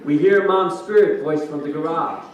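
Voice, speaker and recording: A man's voice: on the high side, moderate pace, lo-fi sound, lightly acted. A man narrating stage directions for a staged play reading in scripted delivery. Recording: echoey hall, distant mic, faint noise.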